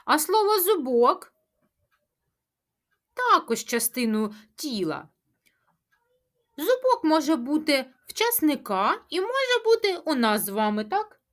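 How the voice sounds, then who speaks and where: A woman teaching a speech lesson to preschoolers, asking questions, answering them herself and chanting tongue twisters slowly. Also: sits high, very animated. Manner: sing-song, drawn-out tongue-twister chanting. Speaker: kindergarten teacher.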